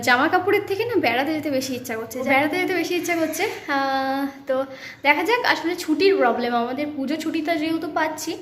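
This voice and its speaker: Soft-spoken young woman vlogger, high voice. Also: slight background noise. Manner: hushed, soft-spoken so the baby can sleep. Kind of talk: casual chat.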